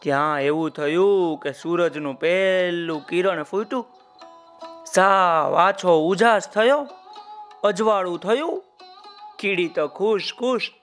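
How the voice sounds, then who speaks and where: A man narrating a children's story in a lively way, talking to his listeners by name. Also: sits high, takes it slowly, soft background music.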